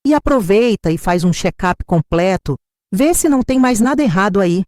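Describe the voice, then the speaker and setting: A woman's voice: medium pitch, expressive, moderate pace, a little mellow, no room sound, studio quality, natural voice. A woman voicing a curt, impatient adult daughter who brushes off her mother. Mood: dismissive. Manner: dismissive, brusque.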